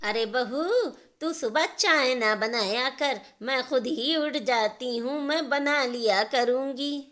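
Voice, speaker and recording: A woman voicing a kindly older mother-in-law who talks in a soft, coaxing way. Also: high-pitched, slow pace, few pauses.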